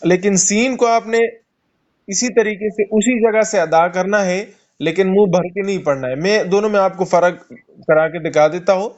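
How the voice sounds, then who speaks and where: A man with a Pakistani Urdu accent teaches Quran recitation in an online class. His voice sits high, and he patiently stretches out letter sounds, repeating them so a student can copy. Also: lo-fi sound. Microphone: online call.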